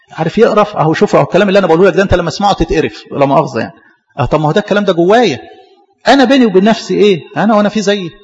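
Fast-preaching Egyptian man in a hall. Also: high-pitched. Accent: Egyptian Arabic. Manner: rapid, repetitive preaching with rhetorical questions. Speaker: pastor. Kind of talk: Coptic church sermon.

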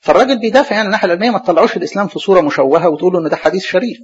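Male Egyptian preacher, slightly high and husky, quick rhetorical Q&A delivery, dull lo-fi sound. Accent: Egyptian Arabic. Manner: asks rhetorical questions and answers them himself; spells out and repeats hard names slowly. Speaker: preacher teaching the Bible. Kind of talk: sermon, Bible study lesson. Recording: dull lo-fi recording.

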